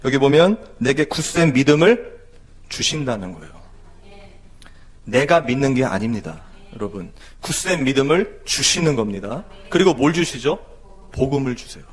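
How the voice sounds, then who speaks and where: A man's voice: medium pitch, big pitch swings, moderate pace. A man in his thirties preaching a testimony sermon in a church, emotional and building to pleading intensity. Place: church sanctuary.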